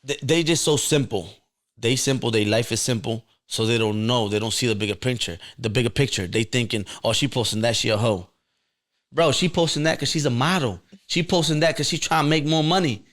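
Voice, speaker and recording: A young man hosting a podcast, chatting casually and giving blunt, animated advice in slang. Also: mid-range voice, a little fast. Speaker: podcast host. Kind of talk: casual chat.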